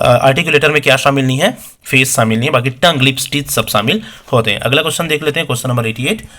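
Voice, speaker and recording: A fairly bright, higher-pitched male voice leads an exam-prep session, reading each English question slowly. The answers come in a conversational style, punctuated by rhetorical questions aimed at the audience.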